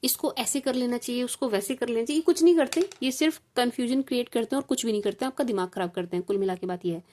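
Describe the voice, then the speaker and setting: Reassuring tarot reader, a higher-voiced woman. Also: fast talker, a little mellow. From India. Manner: repetitive, reassuring, mixes Hindi with English phrases; calls viewers "sweet sugar gems" and adds "ठीक है जी". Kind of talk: collective tarot reading monologue.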